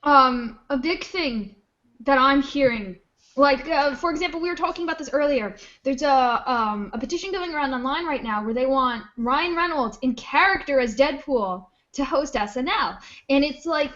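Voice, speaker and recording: A woman's voice: high-pitched, lively intonation, a bit bright. A young woman co-hosting a podcast, chatting casually and jumping in with jokes. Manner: chatty, quick to jump in with jokes. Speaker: podcast co-host. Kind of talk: casual chat. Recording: dull lo-fi sound.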